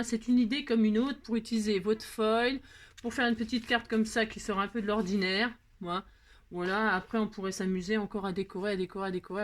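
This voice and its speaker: A woman hosting a chatty crafting tutorial, rambling and self-mocking, talking to herself as she works. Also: medium pitch. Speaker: craft video host.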